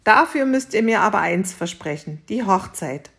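A woman voicing a calm, generous young man who speaks in an unhurried, reassuring way. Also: medium pitch, creaky.

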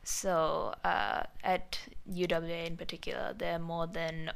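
Young woman guest, lowish clear voice, laid-back interview answers full of "sort of". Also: unhurried. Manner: relaxed, frequent "sort of" fillers. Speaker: guest, law student. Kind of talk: casual radio interview.

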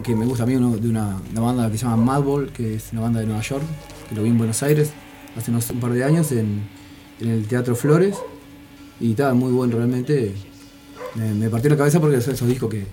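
A man chats as a radio guest, rambling through his answers with plenty of fillers. His voice is dark and mellow. Faint music plays underneath. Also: mid-range voice, brisk. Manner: rambling, hesitant, many fillers. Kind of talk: casual radio interview.

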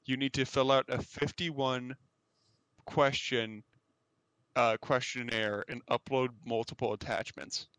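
A man's voice: mid-range voice, level tone, unhurried, a bit bright, smooth, dry recording, low-quality recording. A young man in casual chat with friends, teasing the others and then explaining a gripe at length.

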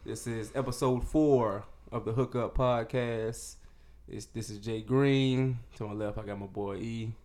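A man's voice: medium pitch, steady tone, unhurried, a little mellow. A young man hosting a casual podcast, loose and profane, joking and laughing often with his co-hosts. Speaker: podcast host.

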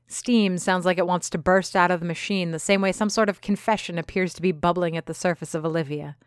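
A woman's voice: fairly low pitch, steady tone, a little fast, clear, resonant tone, dry recording, studio quality. A woman reading a first-person story aloud with wry, sarcastic asides. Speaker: audiobook narrator. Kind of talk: first-person scripted narration.

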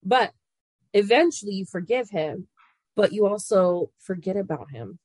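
A woman's voice: mid-range voice, big pitch swings, a little slow, a little mellow, slightly rough, no echo. A woman co-hosting a podcast, a mother giving earnest, blunt advice in casual chat. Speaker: podcast co-host.

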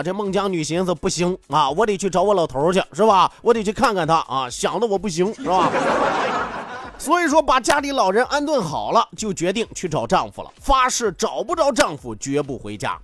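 A man's voice: high voice, a bit bright, dry recording. A man hosting a radio show, telling a folk tale for laughs, chuckling and asking tag questions as he goes. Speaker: radio host. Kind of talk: comic folk-tale storytelling.

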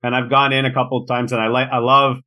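A man's voice: mid-range voice, flat delivery, fast, pushed and bright. A man from Montreal hosting a podcast interview, casual and hesitant, often restarting his sentences. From Montreal, Quebec. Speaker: podcast host.

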